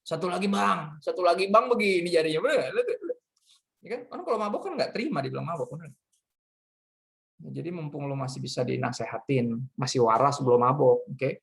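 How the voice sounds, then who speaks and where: Gravelly Jakarta-accented pastor, slangy youth sermon. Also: male voice, medium pitch, quick pace. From Jakarta, Indonesia. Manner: slangy, lively street-talk preaching.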